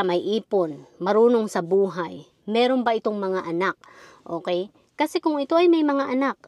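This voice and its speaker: A woman's voice: medium pitch, dry recording. A woman vlogger giving life advice in a lecturing, emphatic way, often checking in with her listeners. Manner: lecturing, keeps asking "okay?"; repetitive, emphatic. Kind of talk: casual advice monologue.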